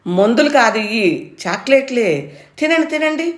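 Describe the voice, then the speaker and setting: A woman's voice: mid-range voice, measured pace, echoey room, natural voice. A woman voicing a troubled, childlike young village daughter-in-law who talks in a coaxing, singsong way, in a storybook reading.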